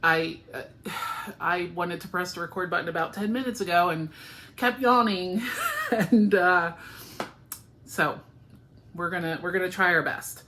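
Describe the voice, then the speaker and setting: A woman's voice: lowish voice, measured pace, pauses often, fairly bright tone, a little hiss or hum. A woman in her forties from the United States, hosting her knitting podcast in a casual chat to camera at home, tired and yawning, with lots of ums and laughs. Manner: chatty, frequent ums, laughs often, sleepy and yawning.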